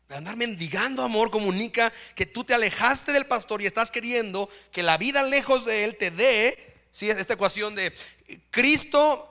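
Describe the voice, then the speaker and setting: A man's voice: high voice, bright, forceful tone. A man preaching a sermon in church, often checking in with his listeners. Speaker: pastor.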